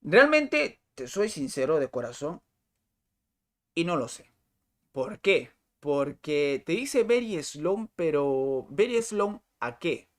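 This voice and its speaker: A man's voice: fairly high pitch, very animated, slow. A young male streamer talks over live gameplay. He is chatty and exclamatory, and he repeats his words as he reacts. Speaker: game streamer.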